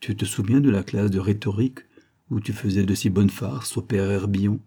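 A man's voice: lowish voice, steady tone, moderate pace, dark tone, breathy edge. A man reading the part of a plump, naive, good-hearted man of thirty in a storybook reading, eager and effusive.

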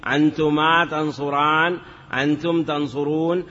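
A man's voice: a little high, flat delivery, moderate pace, pushed and bright, in a large hall, dull audio. A man teaching Arabic grammar in a patient classroom lecture, repeating examples and chanting some in a sing-song lilt.

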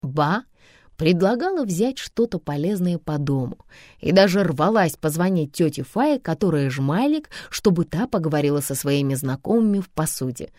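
A woman narrating a children's story audiobook in a lively, expressive way. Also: low-pitched, moderate pace, no echo, studio quality.

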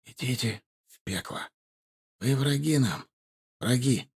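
A man's voice: on the high side, moderate pace, voice pushed up, natural voice. Man doing a beaten young man, weak and defiant. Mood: weak defiance. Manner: weak, quiet, effortful speech.

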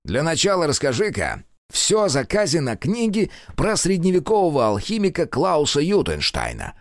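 A man's voice: a little high, wildly swooping pitch, normal speed, no echo, clean studio sound, pitched above the performer's own voice. A man voicing a brusque senior police detective who barks curt orders and mocks in an audiobook. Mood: scornful. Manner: curt, barking, mocking.

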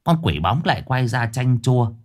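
A man narrating a horror story in a lively storytelling way. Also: medium pitch, moderate pace.

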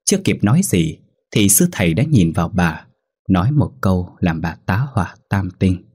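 A man narrating a ghost story in a slow, somber storytelling manner. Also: deep voice, sing-song, a little mellow, slightly rough.

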